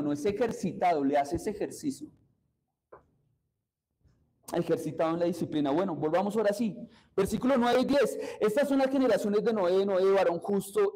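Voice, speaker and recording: High-voiced, dark-toned pastor preaching. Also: male voice, rough recording. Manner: engages congregation with questions. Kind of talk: sermon.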